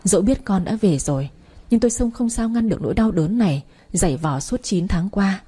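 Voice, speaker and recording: A woman's voice: medium pitch, animated, fairly quick, mellow, breathy edge. A woman narrating a first-person audiobook in a grieving, emotional way.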